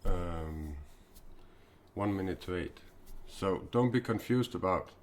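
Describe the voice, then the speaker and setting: Low-voiced Danish man hosting a live stream. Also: a little mellow. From Denmark. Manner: halting, many fillers and restarts. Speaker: spiritual live-stream host. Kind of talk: live-stream spiritual talk.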